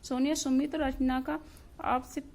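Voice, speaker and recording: A woman narrating a scripted family story and reading every character herself in a steady storytelling delivery. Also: sits high, normal speed, vocal fry.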